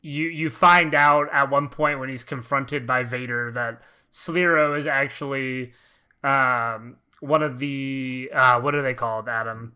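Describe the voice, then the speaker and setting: A man co-hosting a podcast in casual chat, animated and exclamatory, piling up words when excited. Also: mid-range voice, a little slow, clean tone. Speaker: podcast co-host.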